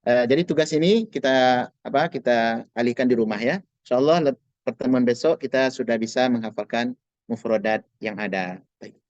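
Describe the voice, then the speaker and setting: A man teaching an online Arabic class in a patient, reassuring way, saying each word slowly for students to repeat. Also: medium pitch, darkish tone, no echo, highs cut off. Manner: slow drilled pronunciation of Arabic words. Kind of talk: online language lesson.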